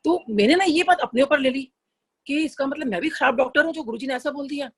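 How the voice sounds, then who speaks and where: A woman's voice: high-pitched, fast. A middle-aged woman telling a personal devotional story in a chatty, earnest way, often slipping into English phrases. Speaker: satsang devotee sharing a personal experience. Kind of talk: casual spoken testimony.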